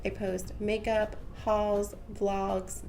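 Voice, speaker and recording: A young woman beauty vlogger, congested from a cold, chats casually through a makeup tutorial in a small room at home with patterned wallpaper behind her. Her mid-range voice is gravelly and a little mellow, with little pitch movement, and she talks extremely slowly, rambling with lots of "um" and "like." She's filmed head and shoulders by a close-range camera, with faint music in the background.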